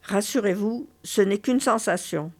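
A woman's voice: mid-range voice, unhurried, a little mellow, natural voice. A woman reading the part of a pious, earnest male hospital doctor with a polite, formal bedside manner.

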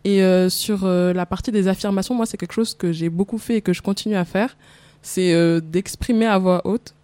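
A woman's voice: medium pitch, fairly even intonation, moderate pace, mellow, no room sound. A woman co-hosting a call-in radio show, speaking reflectively and hesitantly with many fillers.

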